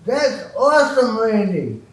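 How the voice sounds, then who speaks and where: An easygoing, jokey man performing in a community stage show. His voice sits very high and moves a lot, and he is caught from far off in a roomy theater. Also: sing-song, takes it slowly, fairly bright tone. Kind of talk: community stage opera acting.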